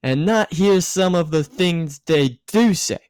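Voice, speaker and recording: A man performs a tipsy, bossy grown woman, pushing his voice well above its usual pitch, like a giggly guardian handing out advice in a story reading. His rambling, emphatic, insistent delivery has lively intonation and a measured pace, with a slightly mellow, clear, resonant tone and no room sound in the dry recording.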